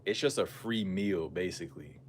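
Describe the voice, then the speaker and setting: A man's voice: low voice, normal speed. An American man in a casual livestream chat, musing aloud in slangy, conversational talk as he answers viewers. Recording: clear background noise and ambience.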